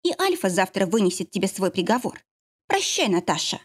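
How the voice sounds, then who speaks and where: A woman voicing a stern, outraged werewolf mother who accuses and shouts, in an audiobook reading. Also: medium pitch, big pitch swings, a little fast, breathy edge. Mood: cold.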